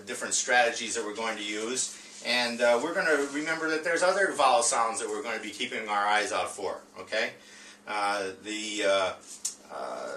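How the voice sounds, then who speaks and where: Here a man teaches an informal reading and phonics lesson, modeling how to read aloud. His mid-range voice has a sharp tone, and his delivery is halting, with stammered repeats and regular checks on the listener. A far-off mic in a roomy space adds faint noise.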